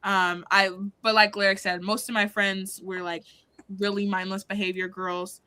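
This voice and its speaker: Bright, dry-sounding chatty young woman. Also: mid-range voice, little pitch movement, moderate pace, clean tone, no echo. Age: 20s. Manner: chatty, candid, rambling. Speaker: co-host. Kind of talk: casual charity stream chat.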